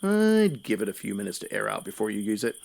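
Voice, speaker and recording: An actor playing Batman as a put-upon, defensive superhero in a comic radio parody, dry and measured. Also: lowish voice, very animated, creaky, darkish tone.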